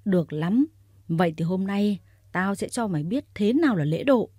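A woman voicing a brutal, furious old man who shouts threats in a storybook reading. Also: medium pitch, animated, normal speed, husky, no echo, studio quality.

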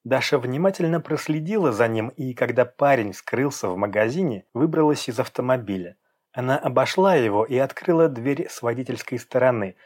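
A man narrating an audiobook in an even, measured storytelling manner. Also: medium pitch.

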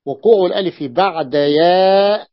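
A man's voice: high-pitched, normal speed, no room sound. A man teaching a grammar class as a sheikh. He repeats each point and stretches out example words for his students. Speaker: sheikh teaching Arabic morphology. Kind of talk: classroom lesson. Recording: dull lo-fi dry recording.

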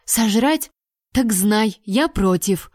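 A woman reading an audiobook, voicing a sharp-tongued young woman held captive who scolds her captor sarcastically. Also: mid-range voice, animated, takes it slowly, no room sound, clean studio sound. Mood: scolding.

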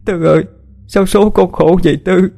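A man's voice: high voice, steady tone, moderate pace, gravelly, warm tone, pitched above the performer's own voice. A man voicing a grief-stricken middle-aged mother who wails and sobs over her dead son. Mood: wailing. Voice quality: wailing, sobbing.

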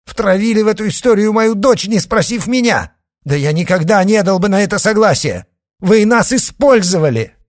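A man's voice: mid-range voice, expressive, moderate pace, breathy edge. A man voicing an anxious, hot-tempered middle-aged father who pleads and turns agitated. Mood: furious shouting. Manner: agitated, pleading, bursts into shouting.

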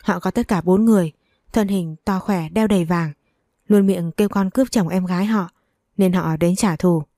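A manipulative young woman who turns from biting to pleading, read by a woman narrator. The voice sits low and mellow. The sound is dry and close, like a storybook audio reading. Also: normal speed, no echo, close to an everyday voice. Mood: tearful, pleading.

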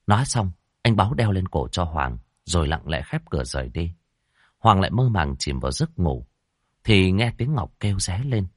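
Casting: very deep male storyteller, lively and dramatic delivery, dry close mic. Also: moderate pace, slightly rough, dry recording. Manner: expressive, dramatic, voices characters. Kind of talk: horror audiobook narration.

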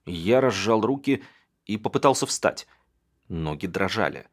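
A man narrating an audiobook in a dramatic, expressive way. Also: fairly low pitch, unhurried.

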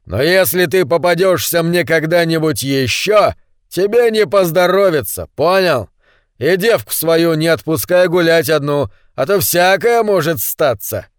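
A swaggering street thug, put on by a male storyteller, sneering and threatening with slow, mocking taunts. The voice is pushed higher and louder than the reader's own, in a dry, close reading. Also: expressive, no room sound. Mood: menacing.

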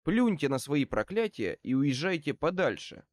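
A man reading an audiobook as a male wizard private eye who speaks wryly and with calm menace. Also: fairly high pitch, normal speed, dry recording, clean studio sound. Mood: wry, cool. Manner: wry, calmly threatening.

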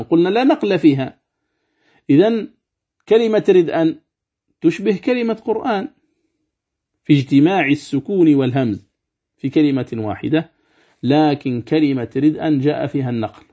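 Man teaching Quran recitation, mellow lo-fi. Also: a little high. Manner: explains step by step with rhetorical questions, drawn-out recited examples. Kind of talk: religious lesson on tajweed.

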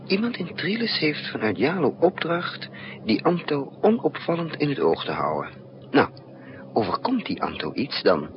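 In a muffled, noisy 1960s Dutch radio drama, an actor plays a resourceful male spy narrating his own risky mission. His slightly high voice swings hugely in pitch at a normal speed as he thinks aloud in hesitant, broken phrases, intent and puzzling.

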